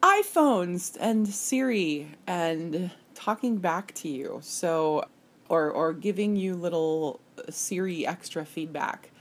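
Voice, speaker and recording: Chatty woman rambling on her own podcast, kinda low voice, pokes fun at herself. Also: lively intonation, slow. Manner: chatty and self-deprecating, mimics voices with big pitch jumps. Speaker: podcast host. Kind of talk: casual solo podcast monologue.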